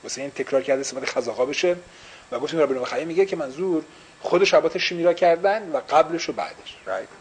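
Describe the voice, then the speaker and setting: Man, religious teacher, small class, rhetorical questions, bilingual asides, raised pitch. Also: lively intonation, slight background noise, rough recording. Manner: explains with repeated rhetorical questions; mixes English phrases into Persian.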